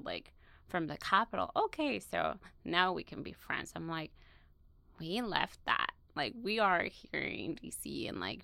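A woman's voice: on the low side, vocal fry, a bit bright, no echo. A young woman from Peru, a student being interviewed, talking casually with lots of fillers and laughter. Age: young adult. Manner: chatty, many fillers, laughs often.

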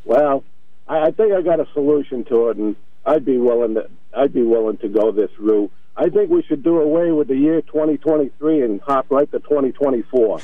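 Man caller, tinny phone line, dry, halting, repeats himself. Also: medium pitch, dry recording. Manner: halting, repeats words, loses his thread. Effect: heard over a phone line. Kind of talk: radio call-in.

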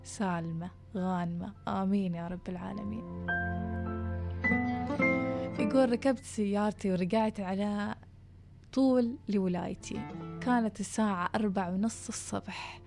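Woman softly telling a story. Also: medium pitch, fairly even intonation, moderate pace, creaky, long pauses, over music. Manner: soft, hushed storytelling with whispered passages. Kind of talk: scripted narration of a true story.

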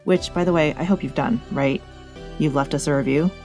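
An American woman hosts a podcast as host and reporter, reading a script in a deep, brisk, slightly mellow voice. She drops chatty, playful asides aimed right at the listener, with soft music playing in the background.

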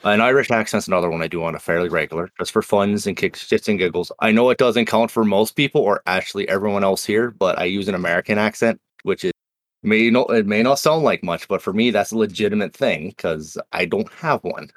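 A man from Nova Scotia with a Canadian accent chats casually as a cast member on a game podcast, laid-back, swearing freely, and going off on tangents. His voice is fairly low and brisk, recorded with no room sound.

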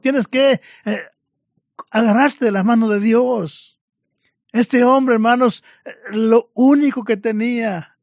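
A man's voice: very high voice, darkish tone, dry recording. A man preaching a fervent sermon to his congregation, addressing them again and again as brothers, in a dull lo-fi recording.

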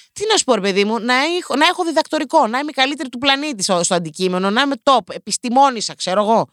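A woman's voice: medium pitch, dry recording, clean studio sound. A woman hosting a podcast, delivering a comedic, sarcastic rant straight to her listeners, swearing casually and poking fun at herself. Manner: self-mocking, addresses listeners directly. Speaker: podcast host.

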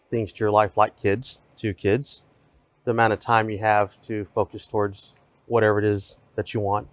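A man in his forties from Texas, a real estate team leader telling his story in a casual podcast conversation in a steady, matter-of-fact way. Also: lowish voice, no echo. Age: 40s.

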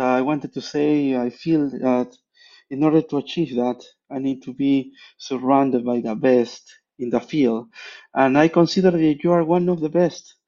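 A man from Peru leaves an earnest, polite voicemail, stopping often on fillers as he searches for words. His voice is mellow and of middle pitch. The recording is dull and lo-fi. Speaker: caller.

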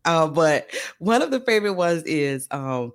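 Woman, podcast host, low voice, emphatic, animated casual chat. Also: a little slow, smooth.

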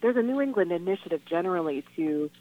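A woman speaking over the phone as a guest on a call-in radio show, earnest and halting, with lots of "um" and "you know". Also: on the low side, expressive. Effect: heard over the phone. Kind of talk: casual radio phone interview. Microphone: telephone. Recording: tinny, dry phone line.

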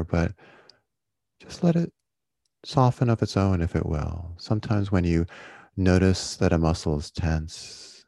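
A man leading a guided meditation in a soothing, gentle, unhurried manner, like a yoga teacher. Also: low-pitched, vocal fry, dry recording. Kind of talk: guided body-scan meditation.

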